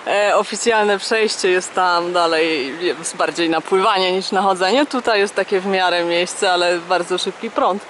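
A woman's voice: on the low side, normal speed, hardly any pauses, fairly bright tone, slight background noise. A young woman narrating her hike on a mountain trail in a casual way. She explains the sights as she walks, recorded on a handheld camera outdoors. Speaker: hiker vlogger.

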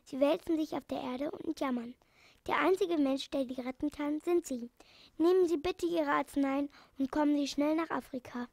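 A woman's voice: high-pitched, moderate pace, vocal fry, darkish tone, dry recording. A woman reading a storybook aloud, voicing a swallow messenger who pleads urgently for help.

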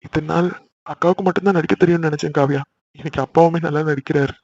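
A man's voice: on the high side, steady tone, fast talker, a little mellow, no echo, lo-fi sound. A man voicing a young brother who bickers with his sisters in a cartoon, exasperated and chatty. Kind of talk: cartoon voice acting.

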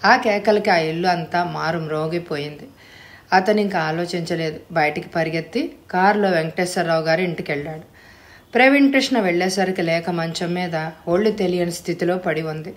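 A woman narrating an audiobook story with expressive, emotional delivery. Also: fairly low pitch, normal speed.

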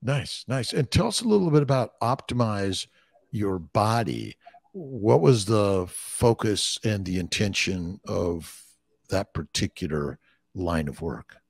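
An older man hosting an interview podcast, who asks his questions haltingly with many "uh"s and restarts. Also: fairly low pitch, animated, creaky, slightly rough, no room sound, studio quality. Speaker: podcast host, doctor. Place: studio, indoors. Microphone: large studio mic with headphones.

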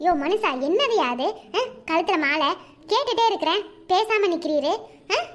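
A woman voicing a quick-tempered village wife in a cartoon, exclaiming loudly with a Kanyakumari Tamil accent. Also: expressive. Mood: demanding. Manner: shrill, exclaiming.

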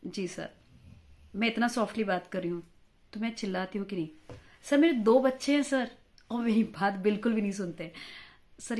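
A woman's voice: medium pitch, darkish tone, close to an everyday voice. A woman playing a chatty, quarrelsome married mother in a comic monologue, fawning and talkative as a job candidate for a news anchor post. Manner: chatty, fawning toward interviewer, mixes English words into Hindi.

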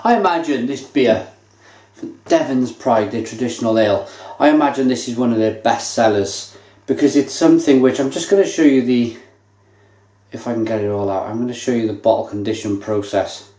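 A casual home beer review comes from a man in his thirties speaking at medium pitch, slightly quickly. Relaxed and chatty, he savors every sip and describes it, while a camera mic at table distance records the kitchen's echo.

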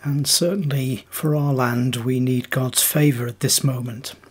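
A man giving a measured devotional sermon as the preacher. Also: medium pitch, steady tone, slightly rough.

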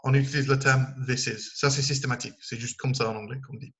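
A man's voice: mid-range voice, fairly even intonation, fast, fairly bright tone. A man teaching a recorded online English lesson, explaining step by step and counting down aloud for his learners.

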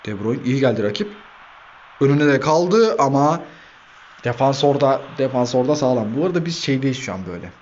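Guy doing football game commentary, gets loud and excited, kinda dull muffled audio w faint hiss. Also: medium pitch, a little fast. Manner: excitable, shouts player names, swears at the players. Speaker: gaming channel host.

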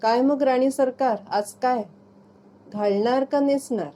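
A woman reading aloud, voicing a playful, affectionate young husband who teases and gently coaxes his wife. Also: extremely high pitch, unhurried. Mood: teasing. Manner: teasing, gently coaxing.

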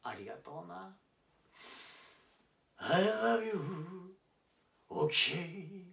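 A man voicing an excitable Kansai-dialect laborer who is a devoted fan, loud and lively. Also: on the high side, normal speed. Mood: tender. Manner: loud, excitable, shouting at times. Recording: roomy, distant mic.

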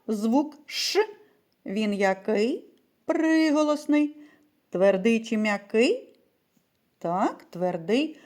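A woman teacher giving a slow, sing-song early-years literacy lesson, speaking to small children. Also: fairly high pitch, a little mellow.

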